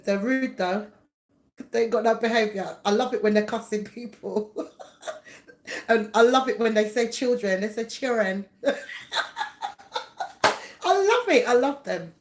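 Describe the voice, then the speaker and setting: A middle-aged woman, hosting a casual live chat from home, chatty and rambling, laughing often and greeting viewers by name. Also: mid-range voice. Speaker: livestream host and psychic reader. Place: home, indoors.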